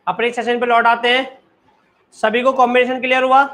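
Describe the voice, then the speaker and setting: A man's voice: extremely high pitch, level tone, a little fast, fairly bright tone. A man teaching a live online maths class, often checking that his students follow and urging them to keep studying.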